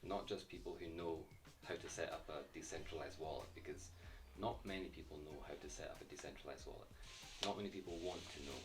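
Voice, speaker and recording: His voice rumbles low and comes fast, with hardly any pauses, as he confidently lays out his opinions as a guest in a relaxed conversation. He restarts a few sentences, and he sounds distant from the mic, with light music playing.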